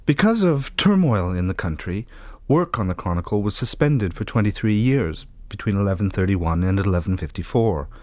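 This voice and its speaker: A man giving scripted documentary narration in a measured, precise, explanatory way. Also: on the low side, expressive, darkish tone, no room sound.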